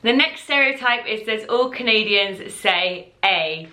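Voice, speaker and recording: A woman's voice: mid-range voice, lively intonation, unhurried, background noise. A young English woman in her twenties, chatting to her viewers as a vlogger reacting to clips. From England. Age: 20s. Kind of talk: casual reaction commentary. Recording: echoey room.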